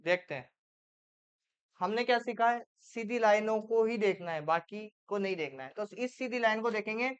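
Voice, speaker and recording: A woman's voice: medium pitch, moderate pace, clear, resonant tone. A woman teacher, running a classroom reasoning lesson and quizzing her students with repeated questions. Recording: muffled lo-fi classroom recording.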